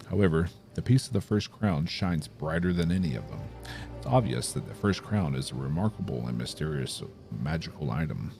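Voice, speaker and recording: A man's voice: deep voice, dark tone. A man hosting a gaming video, commenting on play and reading the story text aloud. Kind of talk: game commentary and read-aloud narration.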